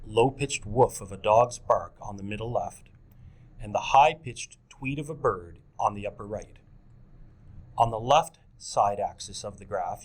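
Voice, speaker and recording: Low-voiced man narrating a teacher lesson. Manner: direct, addresses teachers as folks. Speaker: presenter of a teacher training video. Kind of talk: scripted instructional narration.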